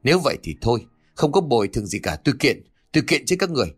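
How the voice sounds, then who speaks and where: A man's voice: mid-range voice, big pitch swings, very fast, husky. A man voicing a spiteful middle-aged village woman who sneers and scolds. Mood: spiteful scolding.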